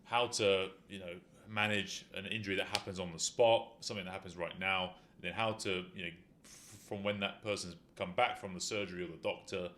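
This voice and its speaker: Low-pitched with fairly even intonation, this fitness talk show host speaks a little fast with few pauses, his voice a bit bright over a slight hiss or hum. The injury rehab specialist rambles casually as he explains, scattering "you know" fillers throughout.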